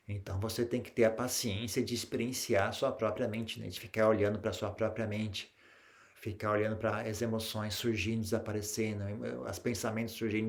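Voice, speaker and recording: A Brazilian man, a Buddhist monk, giving a calm meditation talk in a Brazilian Portuguese accent, with frequent tag questions and restarts that grow lively during his anecdotes. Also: on the low side. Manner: grows animated when telling anecdotes.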